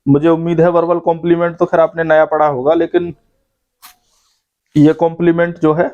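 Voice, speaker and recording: A man teaching an English grammar lesson, his voice sitting a little high for a man. He explains patiently, point by point, and keeps asking the class if it is clear. The recording sounds dull and lo-fi. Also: completely flat delivery, brisk, darkish tone. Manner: explains step by step, keeps adding "ठीक है भाई".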